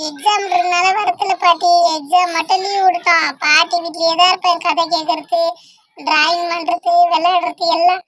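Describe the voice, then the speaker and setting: A woman's voice: very high-pitched, steady tone, moderate pace, background noise. A woman voicing an eager, polite young boy visiting his grandmother in a cartoon.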